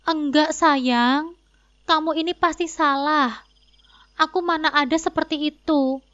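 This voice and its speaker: A woman's voice: high-pitched, fairly even intonation, a little slow, fairly bright tone, muffled recording. A woman voicing a lying husband in a spoken story, pleading his innocence and then turning indignant. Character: lying defensive adult husband, male.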